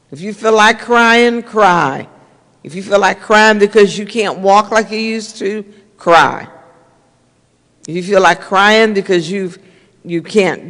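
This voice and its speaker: A woman's voice: mid-range voice, a bit bright. Older woman preaching in a church. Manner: earnest, repetitive, conversational. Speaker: minister. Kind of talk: sermon-style talk to a congregation. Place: church sanctuary. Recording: reverberant church hall.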